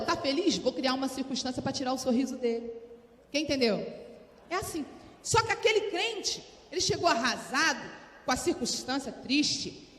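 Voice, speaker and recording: A woman pastor preaching a lively sermon, calling on the congregation to answer. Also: fairly high pitch. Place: large church hall. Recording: echoey church hall with long reverb.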